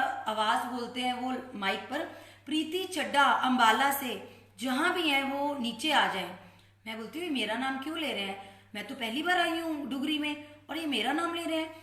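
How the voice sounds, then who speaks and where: A woman's voice: high-pitched, fairly bright tone, echoey room. A middle-aged woman from India giving an emotional personal testimony to a devotional group, acting out the people she quotes. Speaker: satsang speaker.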